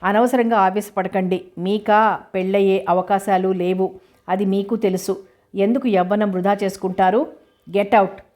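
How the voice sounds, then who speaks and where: A sharp-tongued young woman who answers bluntly and keeps her words short, voiced by a woman narrator. Her delivery stays flat and controlled. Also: mid-range voice, moderate pace, close to an everyday voice. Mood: curt. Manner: direct, curt.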